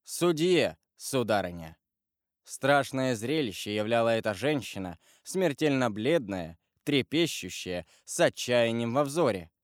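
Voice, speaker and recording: A man's voice: mid-range voice, animated, unhurried, few pauses, dry recording, clean studio sound. Man reading a classic novel aloud. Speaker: narrator.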